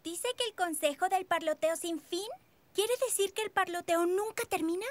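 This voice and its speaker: A woman voicing a sweet, upbeat and caring young girl in a children's animated show. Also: very high voice, moderate pace, dry recording. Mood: upbeat, reassuring.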